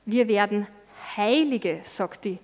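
A woman's voice: mid-range voice, slow. Earnest woman preaching in a hall. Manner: earnest, personal, acts out quoted words. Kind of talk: sermon.

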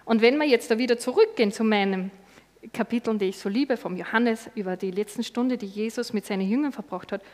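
A woman's voice: on the high side, fairly quick, darkish tone. Earnest woman preaching in a hall. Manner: earnest, personal, acts out quoted words. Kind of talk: sermon.

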